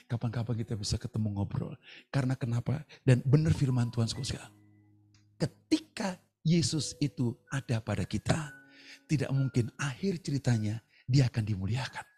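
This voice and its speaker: A man preaching a sermon, telling a story with lively acted-out dialogue. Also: medium pitch. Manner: animated storyteller, acting out others' lines. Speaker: pastor. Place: church service streamed on video call.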